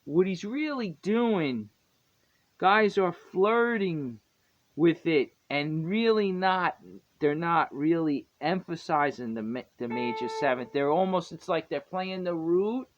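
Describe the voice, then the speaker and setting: A man's voice: on the high side, animated, takes it slowly. A man teaching guitar in a casual, rambling way, often correcting himself and chuckling. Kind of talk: casual music lesson. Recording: dull lo-fi with guitar playing.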